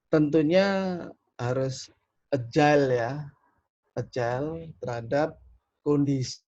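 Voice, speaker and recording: A man answering audience questions as a webinar panelist, speaking slowly and haltingly while his call audio keeps breaking up. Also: on the high side, a little mellow, dry recording. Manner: slow, halting delivery. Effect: choppy, breaking-up call audio. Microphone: computer or phone on a video call. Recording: dull, lo-fi, dropping-out online call.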